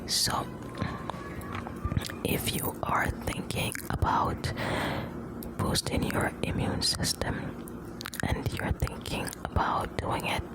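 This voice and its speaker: A woman from the Caribbean whispering ASMR right up close to the microphone, rambling gently in short, broken phrases. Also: low-quality recording. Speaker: ASMR host.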